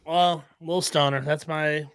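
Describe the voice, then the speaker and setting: A podcast co-host on a casual sports show tells stories in a laid-back chat, using lots of "um" and "like." His voice is fairly high and smooth with fairly even intonation, taking things slowly, in clean studio sound with no echo.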